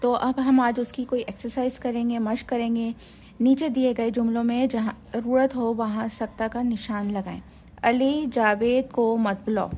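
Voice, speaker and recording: A woman teaching a home-school lesson for children, slow and patient, repeating example sentences with pauses. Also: on the high side, fairly even intonation, warm tone, slight background noise.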